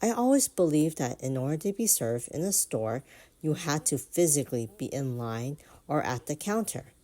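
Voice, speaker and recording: Woman narrator, low register, storytelling read with lively amused asides. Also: moderate pace. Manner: amused, animated reactions. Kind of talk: reading and reacting to online stories.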